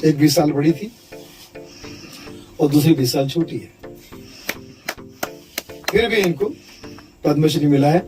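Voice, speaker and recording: A man doing live stand-up comedy with brisk joking patter. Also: fairly high pitch, a little mellow, soft background music.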